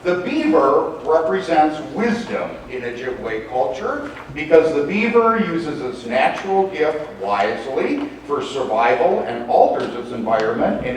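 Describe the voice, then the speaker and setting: A man hosting a meeting, reading a legend aloud in a lively storytelling manner. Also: a little high, a little hiss or hum. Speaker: meeting host. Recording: echoey hall, mic far off.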